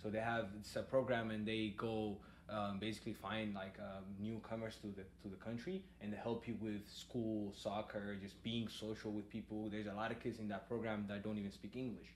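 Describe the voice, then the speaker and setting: A man's voice: fairly low pitch, moderate pace, few pauses. A young man from Ethiopia, a soccer coach and podcast guest, talking casually with a lot of fillers. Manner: relaxed, many fillers and "like". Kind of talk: casual conversation. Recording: faint background noise.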